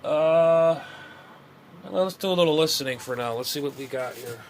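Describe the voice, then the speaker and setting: A middle-aged amateur radio hobbyist shows off his gear in a casual, rambling vlog, muttering, repeating himself and trailing off. His voice is a little high at normal speed, and steady background noise runs through the recording.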